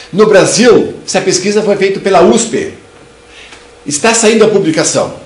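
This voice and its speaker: Older Brazilian man lecturing, roomy echo. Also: on the high side. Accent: Brazilian Portuguese. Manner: explanatory, repeats words and restarts. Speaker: lecturer, dental surgeon. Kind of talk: recorded clinical lecture. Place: room with bookshelves. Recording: echoey room sound.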